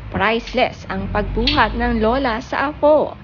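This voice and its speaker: A woman's voice: a little high, measured pace, muffled recording, noisy background. A woman reading a chatty, gushing showbiz gossip narration. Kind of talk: scripted narration.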